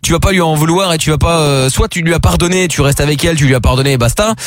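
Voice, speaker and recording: A man's voice: on the high side, rapid-fire, faint music behind. A man hosting a live call-in radio show in informal, slangy, teasing chat, close on a studio mic. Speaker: radio host.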